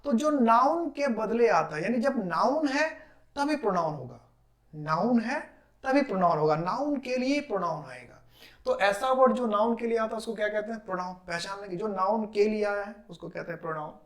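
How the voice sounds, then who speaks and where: A man's voice: sits high, animated. Male teacher drilling grammar terms. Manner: asks questions and answers them himself, repeats key terms slowly. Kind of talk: classroom lecture.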